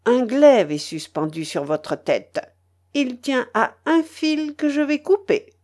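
A woman's voice: high voice, lively intonation, takes it slowly, darkish tone, voice pushed up, full character voice. A woman reading an audiobook, voicing a vengeful, scornful male pirate who threatens with sneering emphasis. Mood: threatening.

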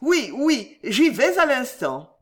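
A woman voicing a timid young gentleman panicking on ice skates, pleading and stammering. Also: medium pitch, big pitch swings, normal speed, lightly acted.

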